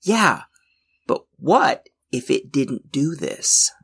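A man playing a whiny, husky young apprentice. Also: medium pitch, big pitch swings, very slow, fairly bright tone, heavily acted. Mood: exasperated. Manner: exasperated, complaining. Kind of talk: audio drama acting.

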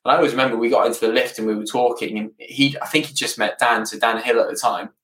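A man's voice: medium pitch, fairly even intonation, quick pace, fairly bright tone. A man in his thirties telling his story casually as an interview guest, often hesitating and repeating words as he goes. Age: 30s. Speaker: podcast guest, property business owner. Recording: roomy, echoing, distant from the mic.

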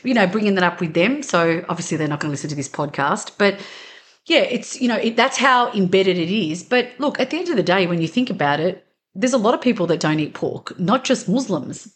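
A woman in her thirties with an Australian accent, hosting a podcast in a candid, chatty way with quick asides. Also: medium pitch, animated. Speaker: podcast host. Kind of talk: casual conversational podcast.

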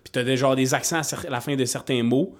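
A young man with a Québécois French accent co-hosting a podcast, rambling, laughing often and half-shouting words for fun. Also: medium pitch, fairly even intonation, fast. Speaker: podcast co-host. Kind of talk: casual chat.

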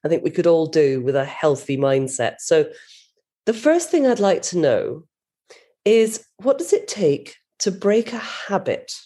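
A woman hosting a podcast interview with a lowish, mellow voice. She puts encouraging questions to her guest and reacts with praise. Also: very animated, unhurried, slightly rough.

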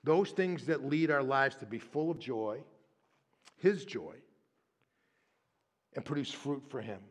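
A middle-aged male pastor preaches in an easygoing, conversational way, often tagging his points with a quick question. He stumbles over repeated words as he builds up to each point, and his pitch sits in an ordinary middle range. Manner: conversational, repeats words when starting lines; tag questions, shifts from lively to hushed prayer. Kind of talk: sermon.

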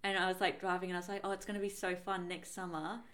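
A woman's voice: on the low side, little pitch movement, quick pace, fairly bright tone. Chatty young woman. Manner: chatty, laughs often, acts out quotes. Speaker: storyteller. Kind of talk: casual chat.

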